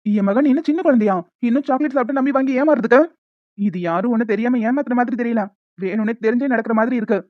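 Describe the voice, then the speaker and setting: In this cartoon, a stern but caring young man, voiced by a woman lectures in a firm, rapid tone. The voice sits at a middle pitch. The recording is dry and dull, with a lo-fi sound. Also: dry recording, lightly acted. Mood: scolding. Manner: firm, lecturing, quick-talking. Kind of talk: animated story dialogue.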